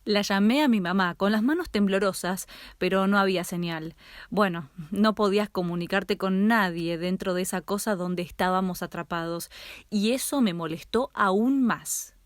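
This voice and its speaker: A woman's voice: medium pitch, normal speed, dry recording. Woman narrating a dramatic story, dry sound. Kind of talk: scripted first-person story narration.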